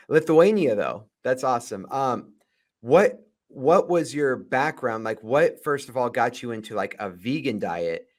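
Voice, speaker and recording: A man's voice: medium pitch, expressive, a little slow. Upbeat rambling podcast host man. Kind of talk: casual interview.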